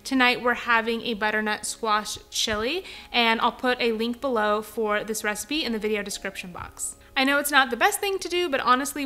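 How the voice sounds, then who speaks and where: Upbeat young woman chatting in her vlog, crisp bright voice, kinda high, soft music under it. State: pregnant. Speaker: vlogger host. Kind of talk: cheerful vlog talk and voice-over narration.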